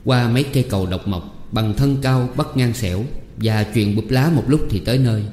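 A man narrating a storybook in a steady, measured reading. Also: mid-range voice, a little hiss or hum. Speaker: audiobook narrator. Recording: echoey room, long reverb, soft music.

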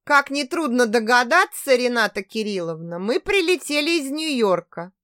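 A composed young man with a dry, ironic way of speaking, put on by a female narrator in a storybook reading. The voice stays fairly high and lively. The recording is dry and close. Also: normal speed, no echo. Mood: wry. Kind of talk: audiobook character voice.

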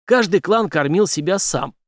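A man reading an audiobook, voicing a stubborn, brash male intelligence officer who speaks forcefully in clipped phrases. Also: high voice, expressive, moderate pace, no echo, studio quality, voice pushed up.

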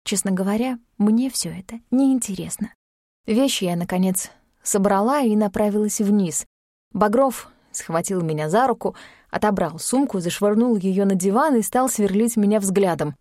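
A woman's voice: medium pitch, normal speed, dark tone, dry recording. Woman narrating a dry, wry audiobook. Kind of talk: first-person audiobook narration.

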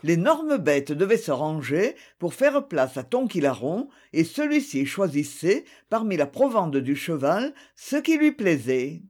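A narrator reading a children's storybook aloud in a measured, expressive way. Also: medium pitch. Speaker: audiobook narrator.

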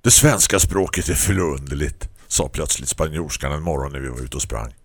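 A man's voice: very deep voice, vocal fry, no echo, clean studio sound. A man, hosting the show and reading a humorous short story aloud, acting out the dialogue. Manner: storytelling, acts out dialogue lines. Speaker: podcast host.

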